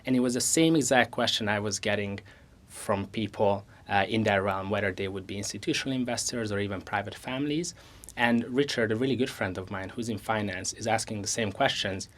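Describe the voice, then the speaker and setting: Earnest young man from Hungary, lowish voice. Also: a bit bright. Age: 20s. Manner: earnest, measured with frequent restarts. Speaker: co-founder guest. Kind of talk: conversational interview.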